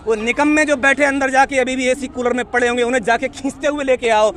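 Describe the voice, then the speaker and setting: A man's voice: very high voice, steady tone, quick pace, a bit bright, a little hiss or hum. A young man making an impassioned speech at an outdoor protest, reciting verse and arguing with questioners. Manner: fiery, rhetorical, leads call-and-response chants. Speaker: protest speaker. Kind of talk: impassioned street speech with poetry. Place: outdoor protest site in a city.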